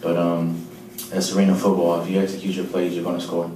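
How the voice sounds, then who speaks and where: A man answering questions after a game in a low-key, matter-of-fact way. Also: monotone, a little fast, dark tone, slight background noise. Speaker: football player at a postgame press conference. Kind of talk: postgame press conference answers. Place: large press room. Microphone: table mic, heard from a distance. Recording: roomy, distant press room audio.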